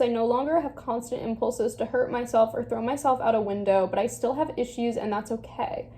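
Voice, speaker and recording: A woman's voice: a little high, warm tone. A young woman reading her old diary aloud in an embarrassed, self-mocking way, with casual, theatrical asides and swearing. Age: young adult. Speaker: vlogger.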